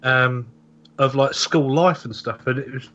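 A man in his thirties, a podcast host, telling a story in a relaxed, hesitant way. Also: medium pitch, a little slow. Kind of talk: casual podcast chat. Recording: dull lo-fi podcast audio.

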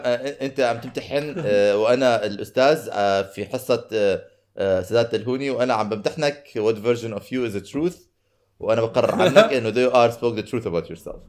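Male, mid-pitched, Levantine Arabic accent. Talkative conversational voice, switches into English, circles back and rephrases. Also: a little fast, a little mellow. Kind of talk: casual chat mixing Arabic and English.

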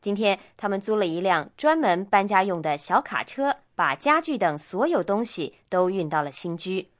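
Lady co-hosting a radio english lesson, lively up and down voice. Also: mid-range voice, moderate pace. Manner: chatty, explanatory. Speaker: language lesson co-host.

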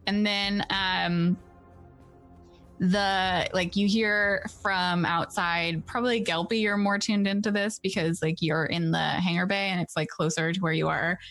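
A woman's voice: fairly low pitch, steady tone, measured pace, fairly bright tone, faint music behind. A woman running a tabletop game, narrating scenes in a casual, filler-heavy way. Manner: casual, many fillers, laughing. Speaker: game master.

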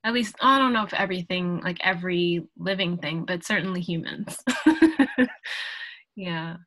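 Bright-voiced woman, thoughtful and halting. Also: on the low side, dry recording, low-quality recording. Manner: thoughtful, halting, with frequent fillers and laughs. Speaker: guest artist, playwright. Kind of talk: casual interview conversation.

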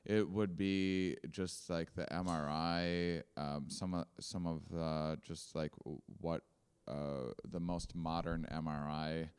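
A man's voice: sits low, steady tone, a little mellow, smooth. A man in casual podcast chat, asking questions and trailing off while thinking. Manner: inquisitive, halting when unsure.

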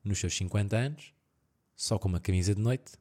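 A fairly quick talker with a lowish voice and a European Portuguese accent narrates eerie stories on a podcast in an easygoing way. He performs the characters by shouting their lines and keeps laughing throughout.

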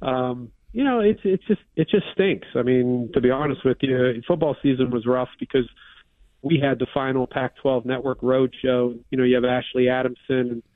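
A man's voice: mid-range voice, moderate pace, no room sound. A man's voice arrives over a remote satellite hookup, thin and narrow like a phone call, with a dry, close sound. He is a Pittsburgh-raised athletics official chatting easily as a radio guest, leaning on "you know" as he talks. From Pittsburgh, USA. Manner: easygoing, many "you know" fillers. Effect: remote satellite line, phone-like sound. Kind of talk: casual radio interview. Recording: tinny remote phone-like line.

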